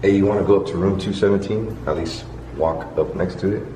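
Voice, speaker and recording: Very deep-voiced man in a roomy space. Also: fairly even intonation, brisk, background noise. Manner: colloquial, rambling explanations with frequent "you know". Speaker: vlog host. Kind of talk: casual walk-and-talk ghost tour vlog narration. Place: indoors in a large hotel. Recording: roomy echo with background music. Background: music.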